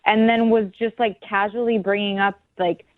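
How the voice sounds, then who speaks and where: A woman's voice: medium pitch, steady tone, moderate pace, no room sound. Young female caller over a tinny phone line, hesitant and puzzled, dry sound. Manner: hesitant, lots of fillers, puzzled.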